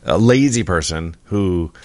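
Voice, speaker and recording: A man's voice: deep voice, lively intonation, a little slow, a little mellow. A man co-hosting a casual podcast chat, playful and teasing as he guesses. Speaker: podcast co-host.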